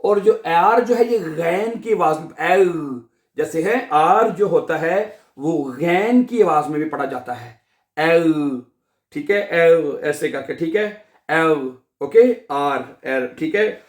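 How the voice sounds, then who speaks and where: A man's voice: fairly high pitch, animated, slow, echoey room. A man with a Pakistani Urdu accent teaching a beginner language lesson, patiently repeating each sound and checking that students follow.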